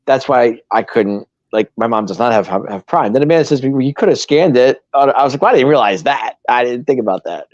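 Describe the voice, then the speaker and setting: A man's voice: mid-range voice, lively intonation, a little fast, hardly any pauses, a little mellow, no echo. A man co-hosting a casual sports talk show from home, who laughs easily and stammers over his words. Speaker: podcast co-host. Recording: dull, dry, lo-fi sound.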